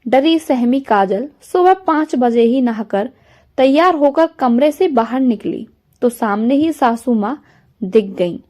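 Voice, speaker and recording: A woman narrating a family story in a calm, measured scripted reading. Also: a little high.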